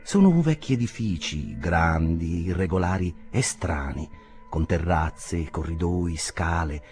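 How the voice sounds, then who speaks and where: A man reading a classic novel aloud as narrator, expressive and theatrical. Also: low-pitched, slow pace, faint music behind.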